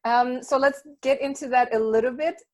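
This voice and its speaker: A woman hosts a relaxed interview, asking questions and chiming in with agreement. Her voice sits a little high. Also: normal speed. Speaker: host. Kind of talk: casual interview.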